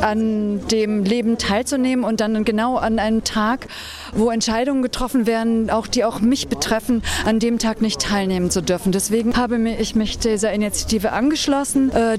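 A woman's voice: a little high, fairly even intonation, normal speed, darkish tone. A woman campaign organizer giving a street interview outdoors, explaining earnestly with frequent hesitant fillers. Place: outdoors in front of a theater. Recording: busy outdoor street crowd. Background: crowd chatter.

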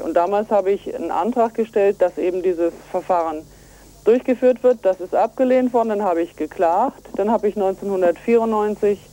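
An environmental activist is interviewed by phone on a radio show, laying out her points step by step with earnest emphasis. She has a warm, mid-range voice.

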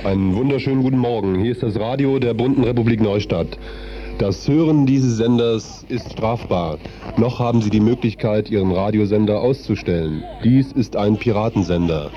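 A man announcing a pirate radio station in a measured, declarative way, heard as a played-back broadcast. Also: on the low side, warm tone. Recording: lo-fi radio sound.

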